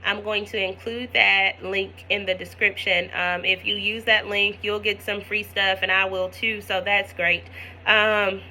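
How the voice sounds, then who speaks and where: A woman's voice: medium pitch, flat delivery, a little slow, sharp tone, slight background noise. A woman, teaching real estate wholesaling in a chatty, folksy tutorial vlog with asides to her viewers.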